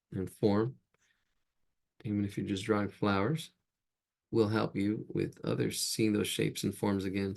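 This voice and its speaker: A man's voice: fairly low pitch, creaky. A man teaching a live online drawing class, chatty and laughing at his own jokes as he sketches. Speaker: drawing instructor.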